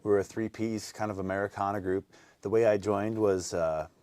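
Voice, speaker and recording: A man's voice: lowish voice, steady tone, brisk, a little mellow. A man in his twenties from North Dakota, a guest musician telling long rambling stories with many fillers in a casual interview. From North Dakota, USA. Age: 20s.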